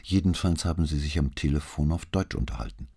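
A male reader voicing a quiet, grieving young female student who answers softly and hesitantly. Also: very deep voice, brisk, breathy edge, exaggerated voice. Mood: subdued. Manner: soft, barely audible, hesitant.

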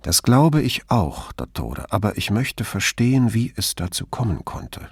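Male reader as a low-voiced, businesslike commissioner, polite and plain, dry recording. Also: sing-song, measured pace, a little mellow, husky, dry recording, exaggerated voice. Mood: matter-of-fact. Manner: matter-of-fact, polite. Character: calm, direct middle-aged male police commissioner.

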